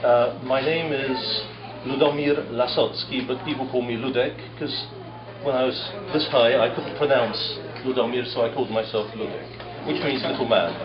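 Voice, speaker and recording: A man's voice: mid-range voice, steady tone, moderate pace, few pauses. A man from the UK with a British accent, giving an informal, self-deprecating and wordy introduction of himself to a group. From United Kingdom. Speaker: government advisor. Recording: echoey, muffled room with crowd noise.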